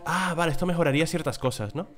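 A man's voice: on the high side, quick pace. A young man with a Spain Spanish accent, reading out game text and commenting casually, swearing and exclaiming when things go wrong. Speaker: gameplay commentator. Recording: music playing behind the voice.

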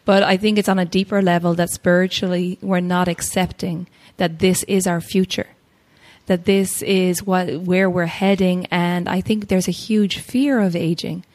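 A woman's voice: on the low side, level tone, moderate pace, a little mellow. A woman in her forties hosting a podcast, agreeable and reflective as she chats with her guest. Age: 40s. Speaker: podcast host. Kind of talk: casual conversation.

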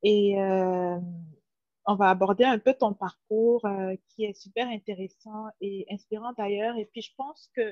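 A woman's voice: mid-range voice, fairly even intonation, measured pace, dry recording. A woman hosting a video call interview over a headset, hesitant and repeating her words. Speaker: host. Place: small room at home. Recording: dry, dull call audio.

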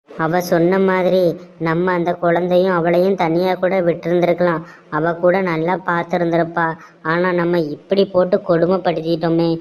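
A woman's voice: on the low side, a little mellow, natural voice. A woman voicing a remorseful young man in a cartoon, pleading in a theatrical way, with a Tirunelveli Tamil accent. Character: remorseful young man, scheming, wavering son. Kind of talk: cartoon voice acting. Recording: dull lo-fi sound.

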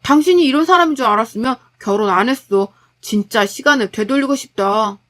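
Woman doing a lower-voiced exasperated husband. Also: fairly quick, fairly bright tone, natural voice. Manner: exasperated, reproachful. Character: irritable young husband, blunt and blaming.

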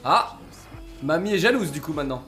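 Young man, let's-play streamer, fairly high pitch, slangy, chats to viewers, game music behind. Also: expressive, brisk, bright, forceful tone. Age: young adult. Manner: slangy, swearing, talking to his viewers. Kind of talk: casual let's-play commentary. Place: indoors at a streaming setup.

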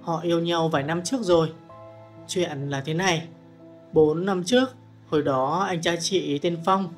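A man's voice: fairly high pitch, normal speed, faint music behind, natural voice. A man doing a distraught young sister, pleading. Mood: confiding. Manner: pleading, tearful and insistent. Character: grieving young woman, emotional older sister. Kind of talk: audiobook character voice.

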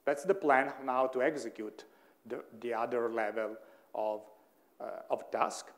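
Male university lecturer, Italian native speaker, mid-pitched, self-correcting, checking in with the class. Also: measured pace. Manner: thinking aloud, frequent "hmm?" checks with listeners, self-corrections.

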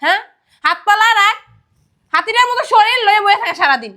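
An actress playing a middle-aged mother who scolds her family with quick retorts. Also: very high-pitched, animated, sharp tone, exaggerated voice. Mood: scolding. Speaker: mother-in-law.

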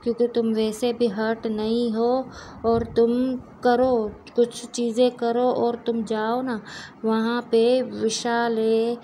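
A woman reading the lines of an annoyed young man who refuses to be coaxed, in a flat retelling. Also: on the high side, slow pace, slight background noise.

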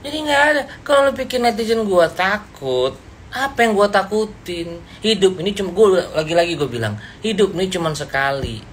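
A man, ranting bluntly and confrontationally on a live stream, loud and slangy. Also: high-pitched, big pitch swings, fairly quick, slight background noise. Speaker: livestreamer. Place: indoors, seated.

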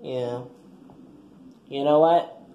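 A man's voice: medium pitch, steady tone, drawn-out words, dull audio, a little hiss or hum. A man voicing a brash, foul-mouthed young woman graduate giving a crude, combative speech in a comic skit. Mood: sassy. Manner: crude, combative, trash-talking. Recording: echoey room.

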